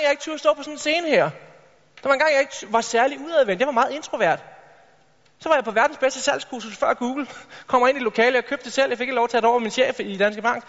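A man with a strikingly high voice delivers an energetic motivational talk from a stage, speaking straight to the audience and firing rhetorical questions at them. His words ring out into a large hall with a long reverb tail. The recording itself sounds dull and lo-fi.

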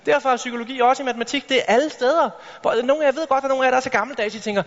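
A man with a strikingly high voice delivers an energetic motivational talk from a stage, speaking straight to the audience and firing rhetorical questions at them. His words ring out into a large hall with a long reverb tail. The recording itself sounds dull and lo-fi. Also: slight background noise.

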